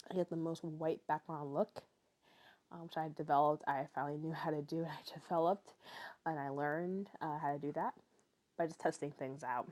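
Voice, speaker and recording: This native English-speaking vlogger, a tired young woman in her twenties, talks over her footage in a rambling, chatty way full of fillers and little laughs. Her voice sits low and darkish, with fairly even intonation at a normal speed.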